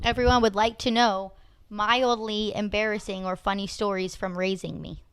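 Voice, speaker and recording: A woman's voice: medium pitch, steady tone, moderate pace, smooth. Teasing young woman hosting a chat. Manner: teasing, laughing. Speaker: podcast host interviewing her father. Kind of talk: casual chat.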